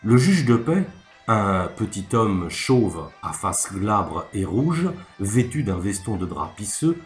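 A man narrating a literary story in an expressive, measured reading. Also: on the low side. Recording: echoey room, faint music.

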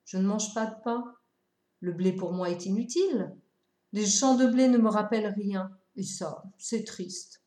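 Woman doing wise old fox from a storybook, calm and wistful, warm mellow tone. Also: mid-range voice, roomy sound, close to an everyday voice.

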